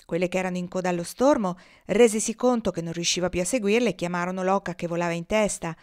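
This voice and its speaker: A woman reading a classic children's novel aloud, with lively, expressive narration. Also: lowish voice, fast. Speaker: audiobook reader.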